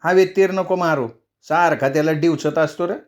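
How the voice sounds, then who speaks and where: Man putting on a sharp-tongued village mother. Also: on the high side, voice pushed up, natural voice. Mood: scolding. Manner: scolding, quick retorts.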